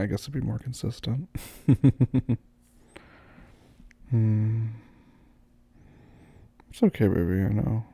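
A man in a soft-spoken ASMR boyfriend roleplay, groggy as if just woken up, murmuring and often slipping into whispers. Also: fairly low pitch, vocal fry, breathy edge, no room sound.

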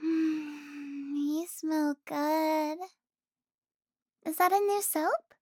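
A young woman playing an affectionate, teasing girlfriend in an intimate audio roleplay, speaking softly with sighs and giggles. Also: sits high, fairly even intonation, drawn-out words, dry recording, studio quality.

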